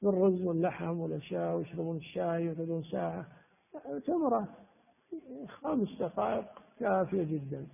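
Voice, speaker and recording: A man teaching a religious lesson, explaining texts and grammar slowly and repeating key words. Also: sits high, creaky, husky. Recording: tinny phone-like sound in a reverberant hall.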